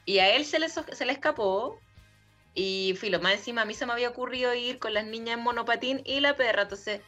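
A woman with a Chilean accent, chatting casually and telling animated, slang-heavy stories. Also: a little high, brisk. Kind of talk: casual chat. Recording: dull lo-fi audio with faint music.

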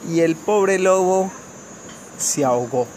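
A man from Colombia reading a fairy tale aloud to children at home in a gentle, measured storytelling manner, with a few small restarts. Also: high-pitched, slight background noise. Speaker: family storyteller.

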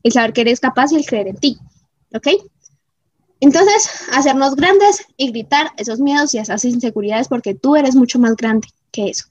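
A woman gives an emphatic motivational talk to viewers, often checking in with quick "¿sí?" and "¿mm?" asides. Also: high-pitched, animated, a little mellow, husky, no room sound, lo-fi sound. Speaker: motivational speaker.

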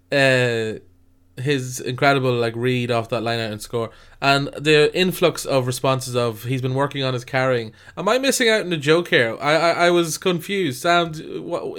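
A man's voice: fairly high pitch, normal speed, a bit bright. An Irish-accented man hosting a podcast in a casual, jokey chat style. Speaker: podcast host.

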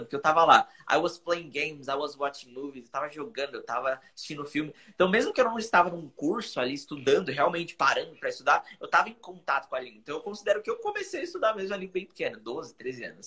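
A young Brazilian man explains English to a student in an easygoing, animated way. His voice is bright and a little high for a man. He slows down and spells out English phrases carefully. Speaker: English teacher. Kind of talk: casual online English lesson chat.

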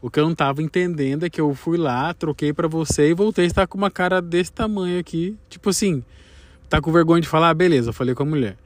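A Brazilian man, a travel vlogger, telling a story with his partner in casual chat. He explains himself quickly and a bit defensively. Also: fairly high pitch, no room sound. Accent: Brazilian Portuguese.

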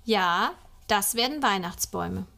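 Woman reading a patient kindly father, calm tone, storybook. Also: mid-range voice, unhurried, vocal fry, heavily acted.

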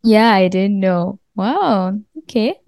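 A young woman hosting a faith podcast interview, friendly, asking quick questions and laughing often. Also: medium pitch, animated, vocal fry, darkish tone, no echo, clean studio sound. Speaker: podcast host.

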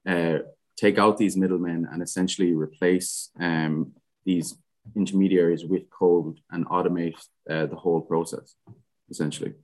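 A young man with a west of Ireland accent speaks in a deep register with little melodic movement. He answers in a casual interview style, often pausing and restarting as he works out his thoughts. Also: steady tone, a little mellow. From Galway, west of Ireland. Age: young adult. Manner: hesitant, halting, frequent "like". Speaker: podcast guest, student society president.

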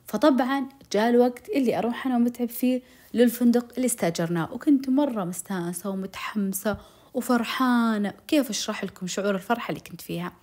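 Fast-talking young woman storyteller. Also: fairly high pitch, darkish tone. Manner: emotional, breathless retelling with oaths and direct appeals to listeners. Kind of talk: dramatic first-person storytelling to viewers.

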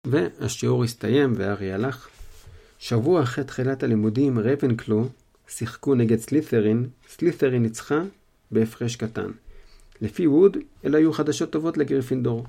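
Man, storyteller, casual retelling, gravelly, mellow. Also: mid-range voice. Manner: retells in his own words with fillers.

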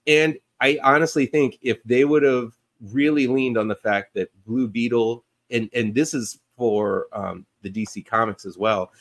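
A man's voice: medium pitch, a little slow, few pauses. A man co-hosting a podcast, chatting casually about comic book movies and rambling with many fillers and restarts. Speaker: podcast co-host.

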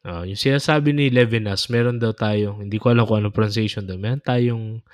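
A man's voice: on the low side, a little fast, no room sound. Earnest Filipino man, dry close sound. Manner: earnest, preachy exhortation, growing louder and insistent. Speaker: podcast host. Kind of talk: reflective podcast talk, mixing Tagalog and English.

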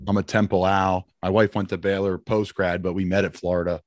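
A man from Bucks County, Pennsylvania, hosting a podcast and asking questions in a quick, hearty chat about sports. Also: low-pitched, level tone, dry recording, clean studio sound. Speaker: podcast host. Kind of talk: casual interview chat.

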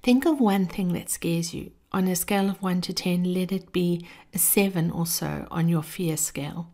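A woman hosting a motivational podcast, speaking in a reflective monologue with gentle, deliberate, measured phrasing and a creaky voice. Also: fairly low pitch. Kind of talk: reflective guided encouragement monologue.

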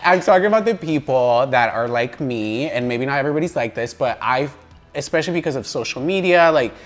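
An American man who works as a makeup artist and content creator, chatting as a podcast guest in an animated, giggly way. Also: mid-range voice, brisk, faint music behind. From United States. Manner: animated and giggly, slips into playful mimicking voices. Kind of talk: casual chat.

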